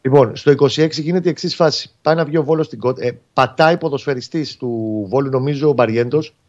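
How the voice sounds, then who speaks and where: A man's voice: medium pitch, darkish tone, lo-fi sound. A man working as a football reporter, explaining match incidents in detail during a casual sports talk.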